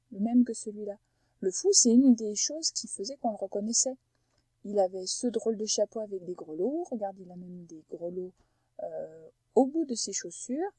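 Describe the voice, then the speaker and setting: Mellow, husky woman teaching phonics. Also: medium pitch, no echo, rough recording. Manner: slow, careful over-articulation of sounds for a child; patient, addresses the listener as a young pupil. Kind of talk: phonics lesson narration.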